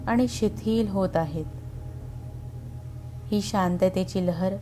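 Very slow, mellow woman guiding meditation. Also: medium pitch. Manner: calm, soothing, unhurried with long pauses. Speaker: guided meditation narrator. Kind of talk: slow guided meditation narration. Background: background music.

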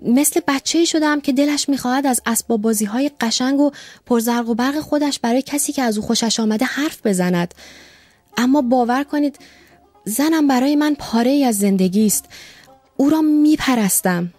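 A woman reading an audiobook, voicing an eager young male secretary who gushes with excitement. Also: high voice, no room sound, soft background music, pitched above the performer's own voice. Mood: gushing. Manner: gushing and breathless with joy.

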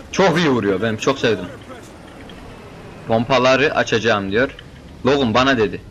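A young man commentating his own game playthrough, joking, excitable and chatting to the characters on screen. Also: mid-range voice. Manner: keeps saying "brother" as a filler. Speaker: gaming video host.

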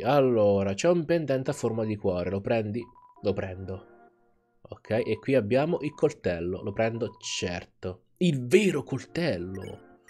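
A man hosting a let's play, giving gaming commentary with animated reactions and laughter. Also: fairly low pitch.

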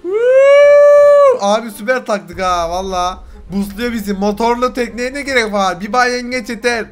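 A young man giving excitable gameplay commentary, loud and swearing often, breaking into yelps and shouts. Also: high voice, fairly quick. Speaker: gaming video host.

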